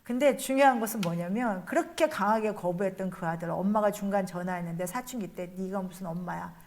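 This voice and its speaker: Nun telling a story in a lecture. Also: female voice, mid-range voice, fast talker, a little mellow. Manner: colloquial storytelling, acts out the people she quotes. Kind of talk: spiritual lecture told as a personal story.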